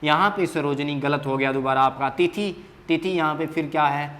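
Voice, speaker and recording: A man's voice: on the high side, normal speed, fairly bright tone, a little hiss or hum. A man teaching Hindi grammar at a board, asking questions and answering them himself, repeating key words with emphasis, in an echoey classroom.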